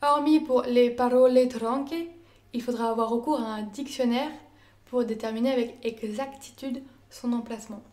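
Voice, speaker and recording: A young woman whose first language is French walks through a language lesson, her voice sitting high. She explains each point clearly and carefully from a script, pausing to say example words aloud. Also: fairly even intonation, a little mellow. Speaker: language learner teaching Italian.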